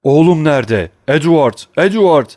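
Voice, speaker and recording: A man's voice: medium pitch, fairly quick, no room sound, clean studio sound, lightly acted. A man voicing a frantic, grieving nobleman who calls out desperately for his son in an audiobook. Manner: anguished shouting.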